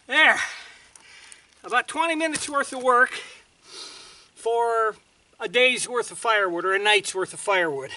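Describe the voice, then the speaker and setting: A man's voice: very high-pitched, measured pace, long pauses, bright, forceful tone. An older man talking casually and folksily while working outdoors on a ranch, a bit out of breath, with roosters crowing behind. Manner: rambling, folksy, restarts often. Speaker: vlogger.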